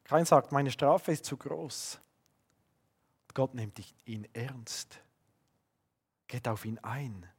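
A man who has children of his own, preaching a sermon and swinging between loud emphatic bursts and hushed, slowed-down lines. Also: medium pitch, slightly rough. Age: adult, father of young children.

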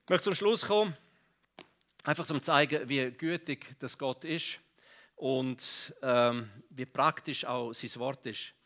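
A middle-aged man with a Swiss German accent, preaching a sermon with stories, lively, swinging from loud to hushed. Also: medium pitch, takes it slowly. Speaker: pastor. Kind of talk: sermon with storytelling.

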